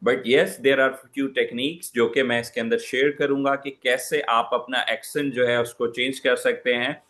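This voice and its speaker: A man's voice: medium pitch, fairly even intonation, unhurried, fairly bright tone. A man teaching a live online public speaking class, explaining patiently and switching between English and Urdu mid-sentence.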